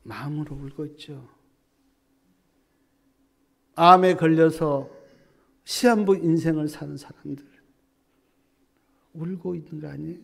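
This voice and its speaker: A middle-aged man preaching a sermon as a pastor at a revival meeting, swinging between loud outcries and hushed near-whispers. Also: fairly high pitch, normal speed, gravelly, pauses often, slightly rough. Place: church hall at a revival meeting.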